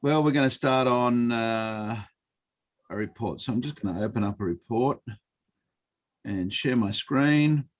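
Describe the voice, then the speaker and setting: A middle-aged man presents an online workshop over a video call. He talks in a relaxed, hesitant way, with many fillers. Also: mid-range voice, unhurried, pauses often. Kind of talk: online teaching session.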